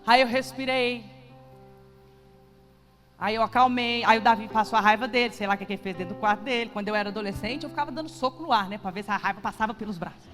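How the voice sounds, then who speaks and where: A woman pastor preaching a sermon with passion, rising to shouts at its peaks. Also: a little high, quick pace. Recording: echoey church hall with music behind.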